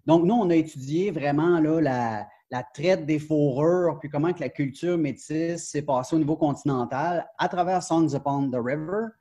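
Man in his forties, Quebec French accent, webcam video call, mellow husky voice, lively, gestures as he talks. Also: a little high, normal speed, few pauses. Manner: animated, gestures a lot, many fillers and restarts. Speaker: professor and book author, guest. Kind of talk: academic interview over video call. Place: glass-walled sunroom indoors.

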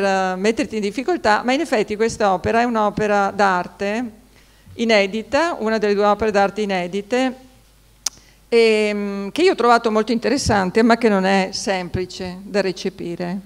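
A middle-aged woman with a smooth, clear voice speaks as the moderator at a panel table. Her delivery is unscripted and semi-formal, explanatory, with hesitant little asides. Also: medium pitch, moderate pace. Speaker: moderator of a public event. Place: large historic hall, at a panel table. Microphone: table microphone with foam cover.

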